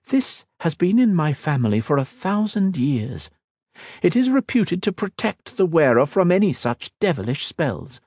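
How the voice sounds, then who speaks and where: A man doing an imperious queen in a fantasy audiobook, pitched well above his own low voice, every line stately and commanding. She sounds cold and calculating, used to being obeyed, and the read is close and dry. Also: big pitch swings, moderate pace, a little mellow, no room sound. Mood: warning.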